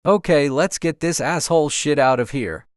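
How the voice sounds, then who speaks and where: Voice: mid-range voice, moderate pace, clean tone, no echo, studio quality. An amateur performer voicing an angry brawling father in a homemade cartoon skit, with crude slangy trash talk and pained yelps as if hit in the groin.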